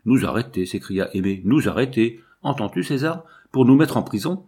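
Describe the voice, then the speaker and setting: A man's voice: medium pitch, lively intonation, normal speed, warm tone, breathy edge. A man reading aloud and voicing a bold, defiant young orphan girl. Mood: alarmed.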